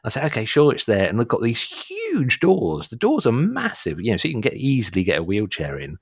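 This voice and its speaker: A man's voice: medium pitch, wildly swooping pitch, a little fast, vocal fry, breathy edge, no echo, clean studio sound. A man with a South Suffolk English accent chatting casually as a podcast host, rambling through anecdotes in a jokey, easily amused way. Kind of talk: casual comic chat, telling anecdotes.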